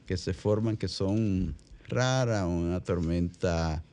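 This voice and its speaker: Deep, slow Dominican male radio host. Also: darkish tone. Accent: Dominican Caribbean Spanish. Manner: halting, repeats phrases as he explains. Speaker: radio talk show host. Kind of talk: unscripted radio chat.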